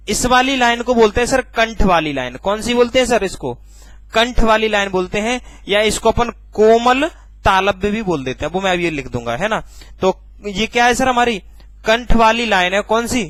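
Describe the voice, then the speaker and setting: A male teacher giving a lesson, asking questions and answering them himself, and repeating key words slowly to drill them in. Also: high voice, fairly bright tone, no room sound. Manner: calls listeners bhai and sir colloquially. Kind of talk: recorded classroom lesson.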